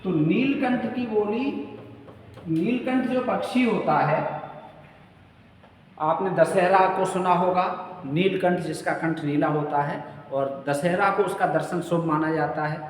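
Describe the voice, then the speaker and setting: A man's voice: high voice, slow pace. A man teaching a lesson, repeating points and asking and answering his own questions. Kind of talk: classroom lecture. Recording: echoey room, mic at a distance, faint hum.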